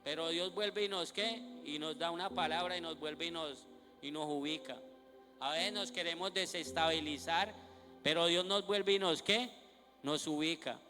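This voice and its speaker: At a night vigil in church, a man preaches a sermon in a slightly high, pushed, bright voice at normal speed. He reads scripture aloud and poses questions to the congregation that he answers himself, with music behind him in a reverberant hall.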